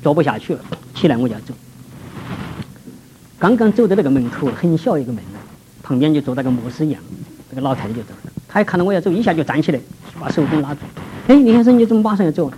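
A man preaching a personal testimony, telling his story vividly and swinging between hushed and raised passages. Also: on the high side, very animated, fast talker, slight background noise, poor audio. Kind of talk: testimony sermon.

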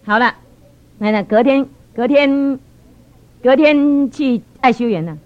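A woman giving a lively church testimony, telling stories with animated expression. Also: sits high, a little slow. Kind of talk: storytelling testimony. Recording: dull lo-fi sound.

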